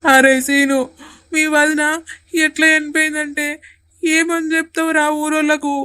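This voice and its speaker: A woman's voice: high voice, little pitch movement, a little slow, pushed and bright. A woman voicing a sobbing young village husband. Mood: grieving. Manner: pleading, tearful and repetitive. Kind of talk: cartoon voice acting.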